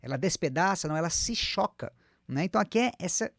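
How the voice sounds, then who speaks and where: A man's voice: high voice, dry recording, studio quality. A man teaching an online English lesson, chatty and encouraging, whose first language is Portuguese. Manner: lively, chatty, repeats words slowly for students to copy.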